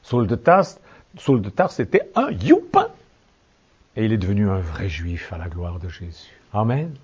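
A male preacher giving a fervent, rhetorical sermon that swings between low tones and shouted peaks. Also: huge pitch swings, a little slow, slightly rough, dull audio.

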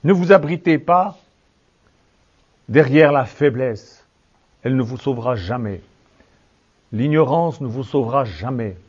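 Fervent male preacher, husky and dull. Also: expressive, unhurried, long pauses. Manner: fervent, rhetorical, swings from low to shouting. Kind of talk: sermon.

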